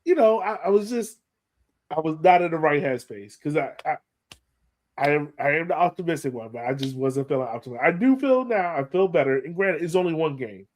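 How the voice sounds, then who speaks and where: His voice is a little high and his pace a little quick as he banters on a sports podcast. The American co-host is lively, self-mocking, and tends to think out loud.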